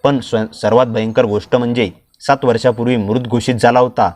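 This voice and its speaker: A man narrating a dramatic first-person story in a steady, scripted storytelling voice. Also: medium pitch, fairly quick.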